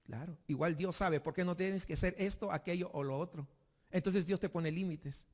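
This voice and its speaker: Male pastor, high voice, emphatic sermon delivery, long hall reverb. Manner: emphatic preaching, slows for reading scripture aloud.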